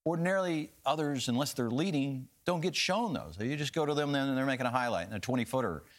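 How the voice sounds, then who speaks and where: A man working as a golf commentator, analysing play in a measured, emphatic way and repeating key phrases. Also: mid-range voice, expressive.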